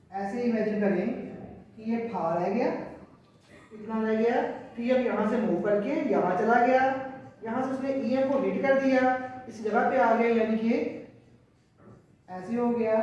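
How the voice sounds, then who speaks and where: Slow, mellow Pakistani man teaching at a board. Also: sits high. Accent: Pakistani Urdu. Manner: patient, step-by-step explaining, sounds out syllables. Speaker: Korean language teacher. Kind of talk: classroom lesson explaining at a board. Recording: very echoey room, voice far from the mic.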